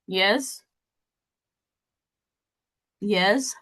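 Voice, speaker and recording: A woman's voice: medium pitch, extremely slow, fairly bright tone. A woman instructor running an interactive workshop, spelling out web addresses and often checking in with her audience.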